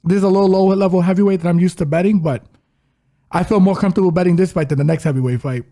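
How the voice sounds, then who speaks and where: A man's voice: high voice, fairly even intonation, fast talker, mellow. A man co-hosting a podcast, giving casual betting takes with crude jokes and puns. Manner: jokey, crude banter, puns. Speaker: podcast co-host. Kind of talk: casual sports betting chat.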